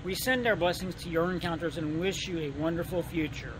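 A man's voice: fairly high pitch, steady tone, a little fast. Middle-aged guy rambling into a handheld cam on a boat deck at night, wry jokes, wind roaring behind. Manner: chatty, rambling, wry asides. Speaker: vlogger. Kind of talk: casual vlog narration. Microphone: handheld camera at arm's length. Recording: loud wind and boat noise. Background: wind and engine noise.

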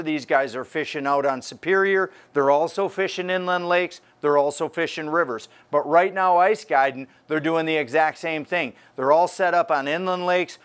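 An older man delivers a fishing report in a lively, conversational way. His voice sits a bit high for a man. He talks straight to the camera from inside a tackle store. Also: clean tone. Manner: energetic, gestures while talking to camera.

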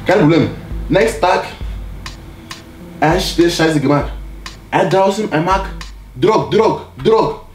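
A man's voice: medium pitch, lively intonation, unhurried, long pauses, dark tone, lightly acted. A man voicing a strict, angry father who scolds in broken German. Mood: yelling. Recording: echoey room with background music.

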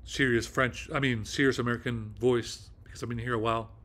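Speaking fairly quickly in a mid-range, fairly bright voice with fairly even intonation, a video host delivers a casual monologue. He rambles off the cuff in an agitated way, using lots of fillers and swearing.

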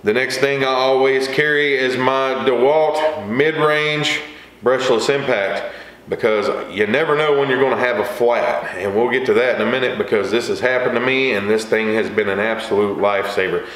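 A middle-aged man hosts a lawn care video, walking the camera through things in a casual, plain-spoken, folksy way. His voice is medium-pitched and a bit bright at a moderate pace. He's in a small indoor workshop or garage with wooden shelving, and the room echoes over a faint background hiss.

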